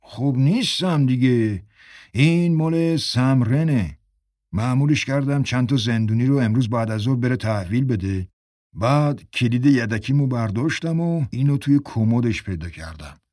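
A friendly, careful middle-aged man in an audiobook, speaking in low confiding tones, as the narrator voices him. His voice is mid-pitched and dry, close to the mic. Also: lively intonation, darkish tone, dry recording, lightly acted.

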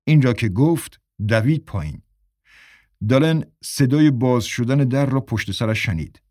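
A man reads a novel aloud at a steady, measured pace, close to a studio mic. His voice is mid-pitched and completely dry, with no room sound around it. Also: no room sound. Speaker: audiobook narrator. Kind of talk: scripted narration.

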